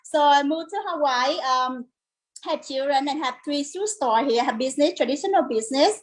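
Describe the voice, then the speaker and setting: A middle-aged Vietnamese woman who runs a home business chats informally as an interview guest, speaking non-native English with a Vietnamese accent. Her voice is high and moderately paced. The recording is rough, with slight background noise.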